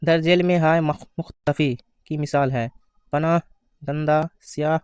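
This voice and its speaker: A man giving an exam-prep grammar lesson, asking questions and answering them himself, reading out the answer options slowly. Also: a little high, steady tone, a little mellow, smooth, no echo. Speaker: teacher.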